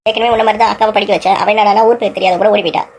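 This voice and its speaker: A woman's voice: medium pitch, steady tone, rapid-fire, slight background noise, natural voice. A woman voicing a stubborn scolding father. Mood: scornful. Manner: blunt, scornful. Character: stubborn scolding village father, older man. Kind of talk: cartoon story dialogue.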